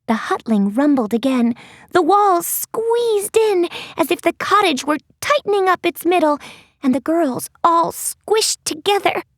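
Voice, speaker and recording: A woman reads a children's fantasy audiobook with a high, lively voice that swoops all over. She takes a slow, playful storytelling pace. The recording is dry and close-miked. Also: no room sound. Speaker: audiobook narrator. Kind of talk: expressive audiobook narration.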